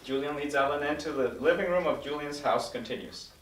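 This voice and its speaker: A man reads stage directions as scripted narration at a table read, his fairly high voice moving at a quick pace. The room is echoey and the mic is distant.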